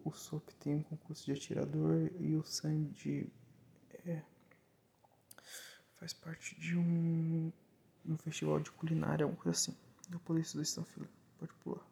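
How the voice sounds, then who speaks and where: A young Brazilian man whose hoarse voice is giving out, rambling casually and informally as a solo podcast host. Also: fairly high pitch, completely flat delivery, moderate pace, dark tone. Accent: Brazilian Portuguese. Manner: informal, slangy, digressive.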